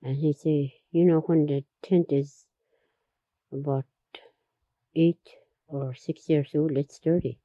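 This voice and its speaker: Woman storyteller, low husky voice, slow unhurried telling, muffled dry recording. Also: steady tone, dry recording. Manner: unhurried, repeats herself, laughs between stories. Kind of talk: oral history storytelling.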